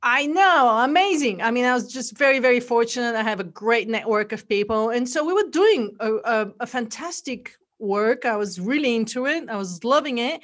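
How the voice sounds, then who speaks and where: A woman's voice: a little high, lively intonation, normal speed, hardly any pauses. Middle-aged woman, Bulgarian accent with Australian and American hints, chatty interview guest. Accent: Bulgarian, mixed with Australian and American. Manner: warm storytelling, frequent fillers and laughs. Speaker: podcast guest. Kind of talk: casual interview chat.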